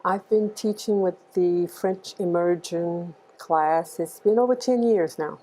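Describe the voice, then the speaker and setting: A middle-aged woman with a soft-edged, mellow voice pitched a little low. She speaks as a teacher answering questions in an interview. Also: a little slow, rough recording. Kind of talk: interview talk.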